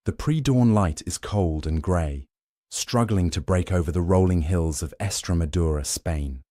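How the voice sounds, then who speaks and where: A man giving dramatic, scripted narration of a history documentary, grave and measured with long pauses. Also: low-pitched, warm tone, dry recording, studio quality.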